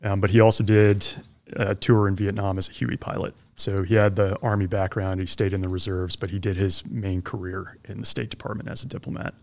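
A man in his forties, a podcast guest who grew up overseas, telling his life story in a relaxed, conversational way that turns animated when he gets excited. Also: lowish voice, brisk, gravelly. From grew up abroad (Belgium, Zimbabwe, Pakistan), then Florida. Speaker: podcast guest, former Army helicopter pilot. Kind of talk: casual interview storytelling.

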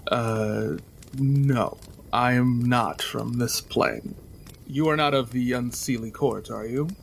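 A man playing a polite, earnest wandering journalist adventurer in a tabletop game, speaking in measured, formal, hesitant phrases. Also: medium pitch, fairly even intonation, vocal fry, a little hiss or hum. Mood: courteous, calm. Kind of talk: tabletop role-play in character.

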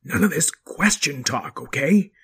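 Man doing a folksy, husky dinosaur dad. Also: fairly high pitch, animated, a little slow, a bit bright, heavily acted. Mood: firm. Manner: folksy, firm, encouraging. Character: gruff but kindly, hardworking dinosaur father.

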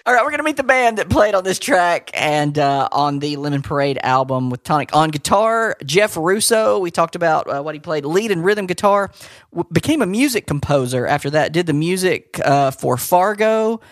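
A man's voice: fairly high pitch, expressive, normal speed, a bit bright, no echo, studio quality. Jokey man reading band notes. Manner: upbeat, jokey, laughs often. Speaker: podcast co-host. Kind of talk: casual chat, reading band member notes.

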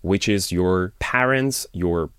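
Low-voiced guy from iran explaining stuff earnestly, lots of "like", dry close sound. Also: slow pace, fairly bright tone, smooth, no echo. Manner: earnest, explanatory, frequent "like" and "basically" fillers. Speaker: author and coach, guest. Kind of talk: podcast interview.

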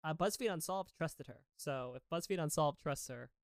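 A woman's voice: low-pitched, moderate pace, no room sound, clean studio sound. A woman co-hosting a podcast in casual chat, speaking in a playful, joking manner. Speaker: podcast co-host.

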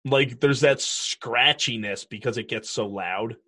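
A man's voice: mid-range voice, measured pace, pushed and bright. A man casually chatting through a movie commentary, cracking jokes and laughing often. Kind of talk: casual movie watch-along chat.

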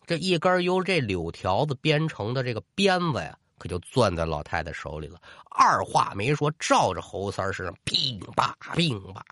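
Guy with spinning a ghost story, super animated, dry close mic. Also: mid-range voice, no room sound. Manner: lively, colloquial, rhythmic storyteller patter. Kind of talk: traditional oral storytelling narration.

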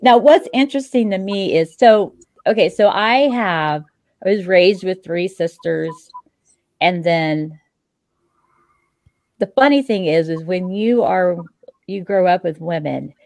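A woman's voice: fairly low pitch, slow, gravelly, a little mellow, no echo. A woman in her fifties hosting a casual interview, chatty and frank, laughing often. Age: 50s. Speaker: podcast host.

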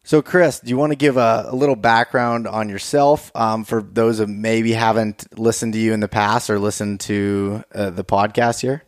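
Podcast host: American man, smooth lower register, dry sound, casual and slightly hesitant delivery. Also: fairly even intonation, normal speed, hardly any pauses, no room sound. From Pennsylvania, United States.

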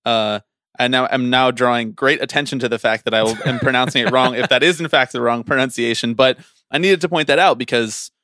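A man's voice: mid-range voice, fairly quick, no echo, studio quality. A man co-hosting a podcast, chatting casually and ranting with teasing energy. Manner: animated, teasing, ranty. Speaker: podcast co-host.

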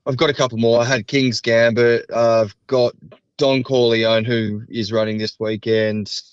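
A man's voice: medium pitch, level tone, moderate pace, clear, resonant tone, no echo. A man co-hosting a casual racing podcast, rambling and hedging with lots of fillers. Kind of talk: casual chat. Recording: slightly dull, dry sound.

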